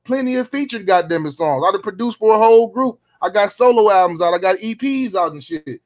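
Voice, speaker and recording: A man's voice: high voice, animated, fairly quick. A middle-aged man hosting a casual round table chat, talking in laid-back, profane street slang. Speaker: podcast host.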